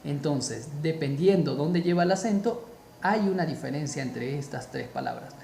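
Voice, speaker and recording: Slow, deliberate man teaching grammar. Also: a little high, animated, gravelly, darkish tone, reverberant, slight background noise. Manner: slow, deliberate, repeats key terms for emphasis. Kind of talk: spoken grammar lesson.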